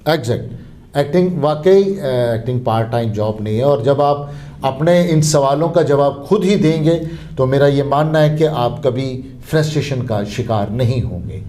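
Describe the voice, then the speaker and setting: A man's voice: medium pitch, moderate pace, warm tone. A man hosting an interview, courteous and formal, thanking his guest and asking viewers to follow the channel. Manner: courteous, polite formal phrases, brief agreements. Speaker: interview host. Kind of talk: interview conversation.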